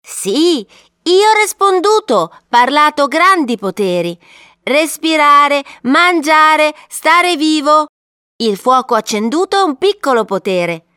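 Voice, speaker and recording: A woman's voice: high voice, sing-song, slow pace, sharp tone, no room sound, clean studio sound, exaggerated voice. A woman voicing a small, innocent male elf child who speaks in broken, childish grammar. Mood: earnest, naive. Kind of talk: audiobook character reading.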